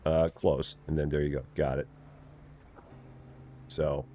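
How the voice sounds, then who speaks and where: This gaming streamer has a warm bass voice and a level tone, and he takes his time. He's a Midwesterner from Illinois with a General American accent, chatting loosely during a live game stream, saying things more than once and joking around teasingly.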